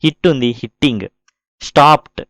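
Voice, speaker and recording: A man's voice: mid-range voice, moderate pace, fairly bright tone, dry recording. A man, teaching an English grammar lesson. He explains patiently, spells words out letter by letter, and asks questions that he answers himself.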